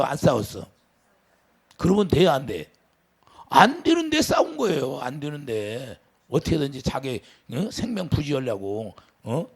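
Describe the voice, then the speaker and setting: A pastor preaching with a wide, swooping delivery that jumps high and drops low. His voice is gravelly and husky, sitting a little high for a man. He keeps turning to the congregation with quick questions. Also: a little mellow. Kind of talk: sermon.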